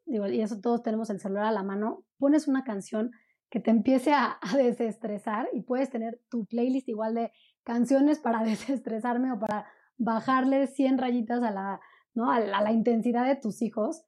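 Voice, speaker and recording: Woman, mellow tone, higher pitch; conversational guest. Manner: warm explanatory, frequent "¿no?" tags. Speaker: parenting coach guest. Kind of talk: conversational interview.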